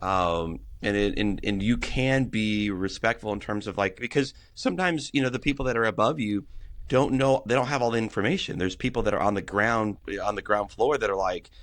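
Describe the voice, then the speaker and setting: A man's voice: lowish voice, brisk, a bit bright. A middle-aged man, a pastor, talking earnestly on a podcast, rambling with many restarts. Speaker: guest worship pastor. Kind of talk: casual podcast conversation.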